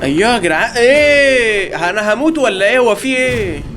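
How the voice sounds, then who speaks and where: شاب بلهجة مصرية يعلق على لعبة رعب وهو يلعب، يصرخ ويهزر مع المتابعين. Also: male voice, sits high, animated, very fast, soft background music. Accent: Egyptian Arabic. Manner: panicky, yelling in bursts while being chased; jokey, talks to viewers and the game. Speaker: gaming channel host. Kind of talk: live horror game commentary.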